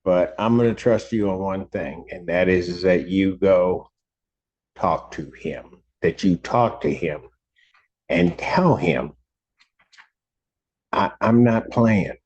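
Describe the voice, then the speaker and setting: A man's voice: sits low, takes it slowly, a little mellow. An older man speaking informally as a judge in court, blunt, folksy and plain-spoken. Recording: dull, muffled lo-fi courtroom audio.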